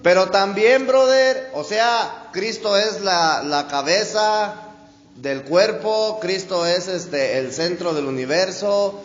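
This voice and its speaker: High-voiced guy preaching slow in a big echoey church, dull recording, keeps saying brother. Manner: conversational preaching, often adds "brother" and "¿sí?"; slow, drawn-out stresses on key words. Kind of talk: sermon. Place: church hall.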